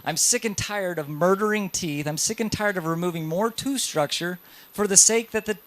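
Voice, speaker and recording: Speaking at a moderate pace in a high-sitting voice, a thirtysomething dentist lectures other dentists live in a hall. He tells lively stories and speaks straight to the audience, asking them questions.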